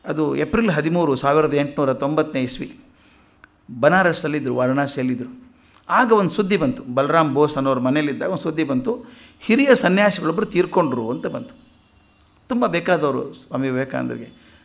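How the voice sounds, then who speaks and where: Man, kannada accent, public lecture, gravelly, slightly high voice, acts out quotes. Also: a little fast. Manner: animated storyteller, acts out quoted speech. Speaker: public speaker. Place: lecture hall.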